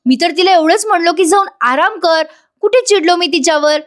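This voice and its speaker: A woman's voice: very high-pitched, brisk, voice pushed up. Give me a panicky young husband calling out, as a woman puts him on. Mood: anxious. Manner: urgent, calling out. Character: young husband, anxious and defensive.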